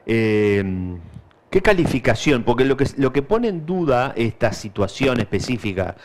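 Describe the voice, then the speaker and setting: Man, interviewer, average pitch, conversational, clarifying interjections. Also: big pitch swings, normal speed.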